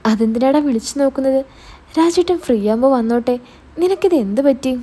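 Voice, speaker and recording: A woman doing a calm scolding mother. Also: high voice, brisk, breathy edge. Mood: puzzled. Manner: plain homely scolding. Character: middle-aged mother, calm, homely, scolding.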